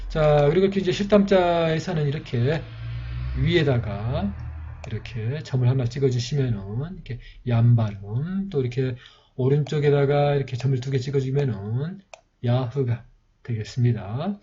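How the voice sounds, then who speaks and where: A man's voice: mid-range voice, mellow, breathy edge. A man patiently teaching how to write the letters of an old script, repeating himself as he goes. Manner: patient, repeats "이렇게 이제" often. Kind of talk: handwriting lesson. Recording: dull lo-fi recording.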